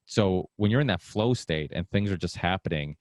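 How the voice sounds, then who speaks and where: This middle-aged man, a native Portuguese speaker, has a low, animated voice at a normal speed with a slightly mellow quality. He chats casually as a podcast guest, meandering and often restarting his sentences. The recording is dry, with clean studio sound.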